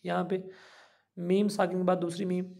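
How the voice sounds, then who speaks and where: In this Quran reading lesson, the teacher's voice sits high and barely moves in pitch, sounding creaky and slightly mellow. He patiently spells out each letter and vowel mark, then recites slowly and drawn-out between explanations.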